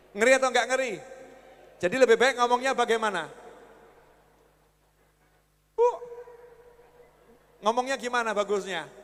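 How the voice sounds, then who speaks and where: High-voiced man preaching in an echoey hall. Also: fairly bright tone. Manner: jokey, quizzes the audience. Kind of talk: sermon. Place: religious gathering hall. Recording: echoey hall with long reverb.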